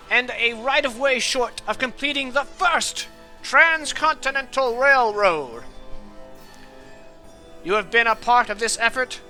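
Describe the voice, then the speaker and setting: A man voicing a grandiose railroad tycoon who makes a slow, pompous speech to his workers through a megaphone, as game master of a tabletop game. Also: extremely high pitch, pushed and bright, voice pushed up, full character voice. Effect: speaking through a megaphone.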